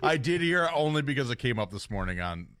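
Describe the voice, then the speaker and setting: A man co-hosting a casual podcast, making dry deadpan remarks. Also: medium pitch, fairly quick, clean tone, no echo. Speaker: podcast co-host. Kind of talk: casual chat.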